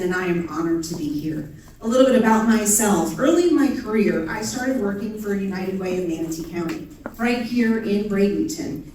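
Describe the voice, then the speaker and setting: Woman running for office, formal measured intro speech, sounds far away in a really echoey room. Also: medium pitch, a little mellow. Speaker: political candidate. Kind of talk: prepared campaign introduction. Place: indoor public debate venue. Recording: distant, very echoey room, faint noise.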